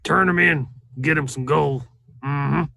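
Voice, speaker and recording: A man acting laconic folksy adventurer, heavy creak, bright edge, terse stubborn replies, dry recording. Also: fairly high pitch, measured pace, no echo, heavily acted. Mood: matter-of-fact. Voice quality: gravelly, creaky.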